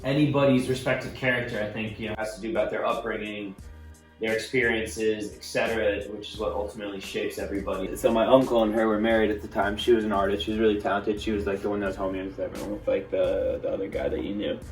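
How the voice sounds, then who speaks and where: Brief: thirties male collector from Italy, unhurried and halting, faint music under a roomy recording. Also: fairly low pitch, little pitch movement. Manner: unhurried, halting, often says "you know". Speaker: art collector and gallery owner. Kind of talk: casual interview monologue. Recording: roomy sound from a distant mic with faint music.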